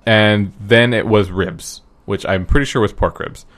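Low-voiced hesitant man. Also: fairly even intonation, a little slow, fairly bright tone. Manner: rambling, hesitant with many ums and restarts. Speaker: guest recounting an event. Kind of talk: casual chat.

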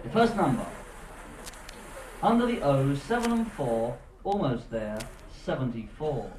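A man calling bingo in a teasing showman's patter, pausing for suspense and repeating the numbers. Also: medium pitch, animated. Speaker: bingo caller. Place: ship lounge with an audience. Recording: echoey lounge, far mic, crowd noise.

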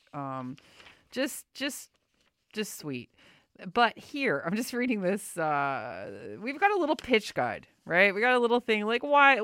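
A middle-aged woman hosts a radio show in a casual, unscripted way, her words wandering informally. Her voice sits a little low and is smooth, though slightly muffled by the face mask she talks through. The studio sound is dry and close. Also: a bit bright, dry recording. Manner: rambling, informal.

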